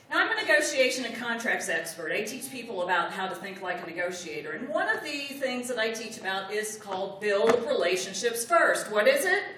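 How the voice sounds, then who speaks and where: A woman gives a conference keynote on negotiation in a large hall, leading the audience through an exercise with call-and-response prompts. Her voice sits on the high side, pushed and bright, with a little hiss or hum. The distant mic picks up an echoey hall.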